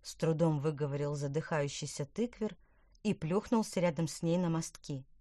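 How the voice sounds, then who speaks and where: A woman narrating a children's storybook in an even, clear manner. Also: deep voice, moderate pace, no echo, studio quality. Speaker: audiobook narrator. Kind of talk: scripted narration.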